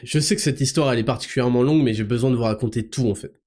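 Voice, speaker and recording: A man hosting a podcast, telling a personal story in a rambling, colloquial, animated way. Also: mid-range voice, very fast. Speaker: podcast host. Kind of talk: casual storytelling to listeners.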